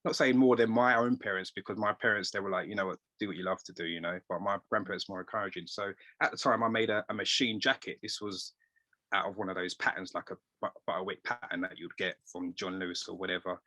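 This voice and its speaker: A middle-aged man, a tailor being interviewed, telling stories in a rambling, animated way and quoting voices. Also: low-pitched, fast, dry recording. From England. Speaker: guest tailor. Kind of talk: casual interview storytelling.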